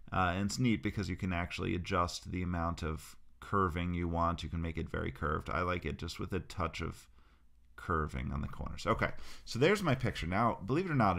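A man with a low, gravelly voice narrates a screen-recorded software tutorial. He explains every step as he clicks through, keeping a relaxed, casual tone.

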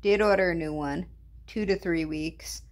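A woman's voice: on the low side, moderate pace, darkish tone. Chatty woman vlogging to her phone. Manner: chatty, exasperated storytelling. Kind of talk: casual vlog talk to camera. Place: outdoors and at home, varied. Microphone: phone camera held at arm's length.

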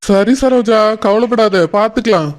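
Man voicing a gentle reassuring village husband. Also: high-pitched, normal speed, close to an everyday voice. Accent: Tirunelveli Tamil. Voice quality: calming, patient. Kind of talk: cartoon voice acting.

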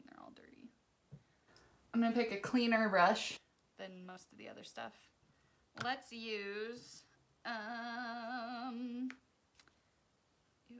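A woman's voice: medium pitch, gravelly, a little hiss or hum. A woman hosting a casual livestream makeup tutorial from home, chatty and joking at her own expense.

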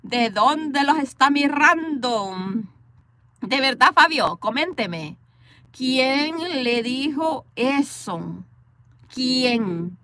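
A Salvadoran woman with a high, bright, pushed voice and lively intonation stretches out her words on a dry phone recording. She's a livestream host in a parked car, reading viewer comments, chatting playfully, laughing often and talking back to commenters in a casual chat with live viewers.

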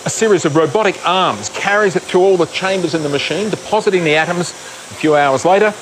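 A man presenting and narrating a science documentary segment in a lively, scripted style. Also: sits high, brisk, noisy background. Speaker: science reporter. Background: music.

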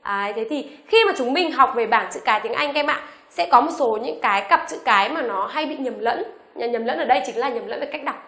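A woman teaching an online beginners' lesson, asking the class questions and reading each letter slowly for them to repeat. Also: sits high, sharp tone, reverberant. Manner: asks the class rhetorical questions; reads letters aloud slowly for repetition. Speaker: English teacher.

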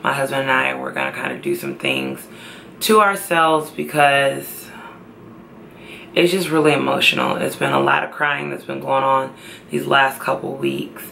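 A tired young woman talking slowly and tearfully to camera in a personal vlog, trying to stay upbeat. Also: rumbling low, lively intonation, vocal fry, a bit bright, slight background noise. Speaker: pregnancy vlogger.

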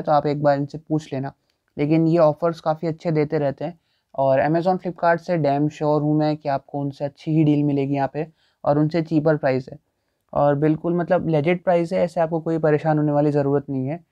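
In this casual walkthrough vlog, a young man strolls a small bookstore packed with shelves, musing aloud as he browses. He's a booktuber with a mellow voice on the high side, captured with no echo but dull audio.

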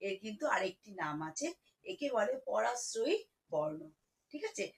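A woman teaching children to read, spelling words out slowly syllable by syllable. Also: a little high, poor audio. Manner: slow, syllable-by-syllable spelling, warm teacherly coaxing. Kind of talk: children's reading lesson.

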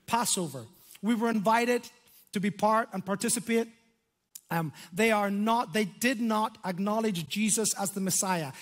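Long hall reverb surrounds a high-voiced Irish man in his fifties, a pastor preaching on a church stage. Using a headset mic, he is animated and draws out key words with slow, dramatic emphasis.

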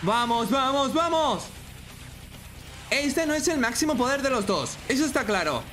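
Excitable high-voiced Spanish man reacting. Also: measured pace, soft background music. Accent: Spain Spanish. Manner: excitable, frequent exclamations and shouts. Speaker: streamer reacting to a fan animation.

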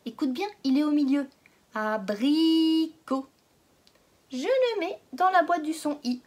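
A woman teaching a phonics lesson to young children, stretching out each word slowly and patiently asking questions. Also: sits high, very animated, darkish tone. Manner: slow, exaggerated word pronunciation. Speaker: kindergarten teacher.

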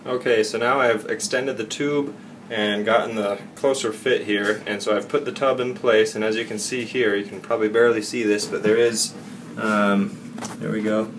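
Filming handheld and close with a camera mic, this young man walks through a DIY job in an unfinished basement bathroom, speaking plainly and using fillers and self-corrections. His pitch is fairly low and his intonation fairly even at a moderate pace. There is slight background noise.

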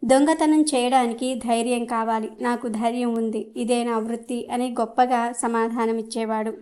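A woman's voice: fairly high pitch, normal speed. Woman narrating a moral folk tale. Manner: reads every character's lines in her own voice, lively quotes. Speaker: storyteller on an astrology channel. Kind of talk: scripted moral story narration.

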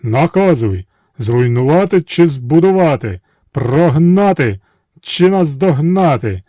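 A man voicing forty magical servants summoned from a pipe, booming their offers in unison. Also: lively intonation, takes it slowly, warm tone, no room sound, clean studio sound.

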